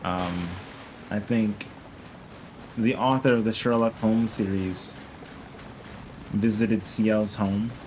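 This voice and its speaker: A man's voice: lowish voice, fairly even intonation, slow pace, pauses often, a little mellow, slight background noise, low-quality recording. A man streaming a co-op game, chatting casually and telling a rambling story full of "like" and "um". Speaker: streamer playing co-op. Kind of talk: casual gaming chat.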